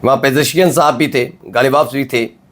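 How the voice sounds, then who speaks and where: A man hosting a news commentary show, emphatic and full of rhetorical questions and drawn-out pauses. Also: mid-range voice, steady tone, fairly bright tone. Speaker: news anchor.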